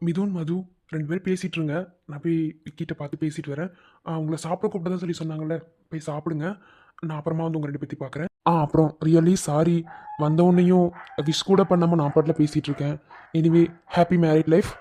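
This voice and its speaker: A woman's voice: low-pitched, steady tone, fast, warm tone. A woman voicing a friendly adult man in a cartoon love story who apologizes and wishes a couple well. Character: friendly, hurried adult man, a relative at a wedding visit.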